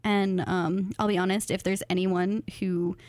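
A woman in her thirties, a writer and graduate student in creative nonfiction, talks casually and reflectively as a podcast guest, earnest, enthusiastic and informal. Her mid-range voice is a little mellow, with a level tone and measured pace. The recording is dry.

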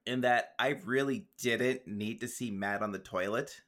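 A man co-hosting a podcast recaps a show in casual chat, with easygoing dry asides and frequent laughs. He speaks at a moderate pace in a mid-range, fairly even, fairly bright voice.

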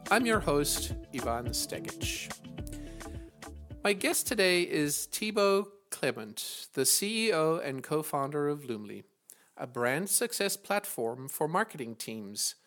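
Upbeat male podcast host. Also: mid-range voice. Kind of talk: podcast interview.

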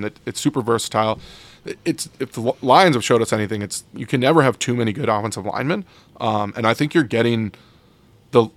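A man's voice: lowish voice, dry recording. A man co-hosting a sports podcast, talking casually and loosely with many fillers and restarts. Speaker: podcast co-host.

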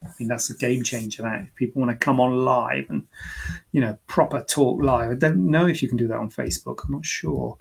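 A plastic surgeon hosts a live-streamed Q&A, his mid-range voice brisk, creaky and husky. He chats and jokes, tosses in self-deprecating asides, and puts medical advice in plain terms.

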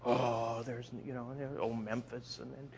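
A man from Eastern Canada preaching a sermon, telling stories in an animated way and often restarting his sentences. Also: mid-range voice, measured pace, vocal fry, a little hiss or hum. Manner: animated storytelling with frequent restarts.

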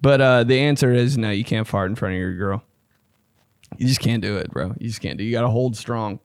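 A man's voice: fairly low pitch, fairly quick, no echo, clean studio sound. A man chatting casually and comically as a host giving advice, talking like a slangy, profane, blunt frat bro. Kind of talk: casual comedic chat.

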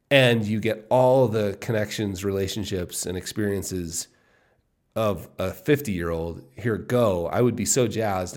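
A man in his fifties talks through his own podcast, excited and thinking out loud, circling back to repeat his points. His voice sits a little low with a gravelly edge to it. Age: 50s. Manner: excited, musing aloud, repeats himself. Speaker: podcast host. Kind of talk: casual solo podcast monologue.

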